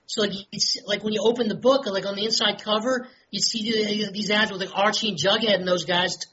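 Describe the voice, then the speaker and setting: A woman rambles through a casual group chat, piling on fillers as she goes. Her voice is bright and a little husky. The recording is dull and lo-fi. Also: mid-range voice, fairly even intonation, a little fast.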